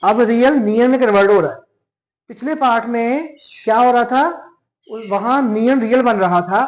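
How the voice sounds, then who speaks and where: A man with a Pakistani accent giving a classroom lesson as a language teacher, talking slowly and deliberately and spelling out syllables one by one. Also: very high voice, rough recording.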